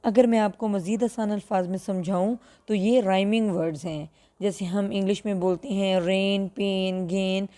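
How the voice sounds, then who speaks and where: A woman teacher with a mellow, darker voice. She explains step by step in a patient, even tone. She slows right down to repeat each word for practice. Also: medium pitch. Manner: clear, patient explaining, slows down to drill pronunciation. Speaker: Qur'an translation teacher. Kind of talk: recorded online lesson.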